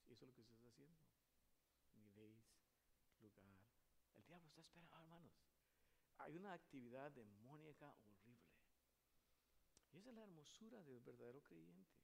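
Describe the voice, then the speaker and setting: A male pastor preaching a sermon, asking his congregation questions and moving between loud emphatic lines and quiet hushed ones. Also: medium pitch, expressive, brisk, vocal fry, long pauses, a little hiss or hum. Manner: addresses the congregation with frequent rhetorical questions.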